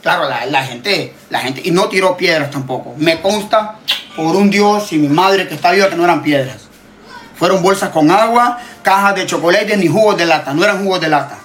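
A man's voice: high voice, moderate pace, a bit bright, slight background noise. A Honduran man, a TikTok creator, ranting in casual chat, emphatic and repetitive, swearing freely. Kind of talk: heated casual rant.

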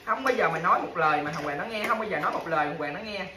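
Crowd noise sits behind a fairly low-pitched woman who talks very fast while scolding her partner. She repeats the same grievances and empty threats throughout this casual home squabble, recorded in an echoey room with faint background noise.

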